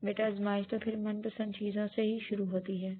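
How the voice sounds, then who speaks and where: A woman voicing a loving, devout middle-aged aunt who consoles her niece softly. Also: medium pitch, flat delivery, close to an everyday voice. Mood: consoling. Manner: soft, consoling. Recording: tinny phone-like audio.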